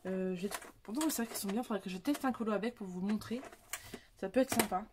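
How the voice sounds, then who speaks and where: A woman's voice: medium pitch, fast, background noise. A young woman, chatting casually about her coloring supplies, rambling with many fillers and restarts. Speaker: coloring hobby vlogger. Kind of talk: casual chat showing supplies.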